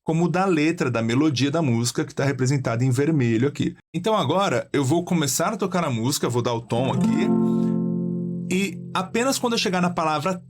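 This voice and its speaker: A man's voice: fairly high pitch, expressive, a little fast. A male music teacher explains a guitar and singing lesson step by step, counting beats aloud.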